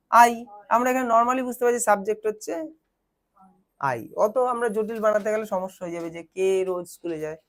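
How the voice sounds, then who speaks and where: A young woman teaches children translation, patiently asking questions and answering them herself. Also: medium pitch. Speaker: tutor.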